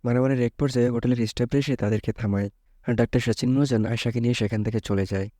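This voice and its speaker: Mellow man retelling a movie plot. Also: mid-range voice, steady tone, fast, no room sound, studio quality. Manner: chatty, with joking asides. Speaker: movie recap narrator.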